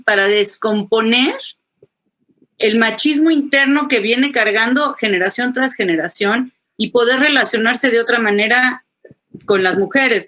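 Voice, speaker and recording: A woman speaks on a webinar panel as a psychoanalyst. Her voice is bright and a little high. She talks animatedly and acts out the phrases she quotes.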